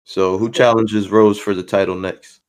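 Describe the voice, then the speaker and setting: Low-voiced blunt male sports panelist. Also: steady tone, normal speed, clear, resonant tone. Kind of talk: casual sports panel discussion.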